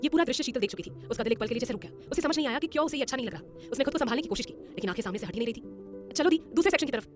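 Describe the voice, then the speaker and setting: A woman narrating a romantic audio drama in a brisk, expressive scripted style. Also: fairly high pitch, over music.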